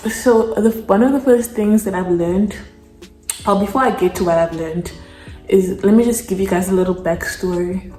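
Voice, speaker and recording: A woman's voice: medium pitch, normal speed, warm tone, faint music behind. A young woman chatting casually while doing her makeup, rambling with lots of "like" fillers. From South Africa. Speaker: beauty vlogger. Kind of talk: casual get-ready-with-me chat. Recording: echoey room.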